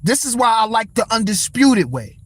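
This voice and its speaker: Man, young, high-pitched, dry close sound, blunt profane livestream rant. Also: sing-song, moderate pace, fairly bright tone, slightly rough, no room sound. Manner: profane, blunt, rants and answers chat. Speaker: livestream host. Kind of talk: casual boxing talk livestream.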